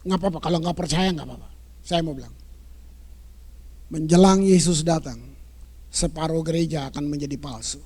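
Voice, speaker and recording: A male pastor preaching a lively, emphatic sermon, repeating words for emphasis and swinging from loud to hushed. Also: fairly high pitch, moderate pace, long pauses, husky.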